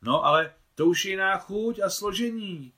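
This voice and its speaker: A man reading aloud and voicing a fussy, excited woman who fusses loudly and insists. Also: sits high, pitched above the performer's own voice. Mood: insistent.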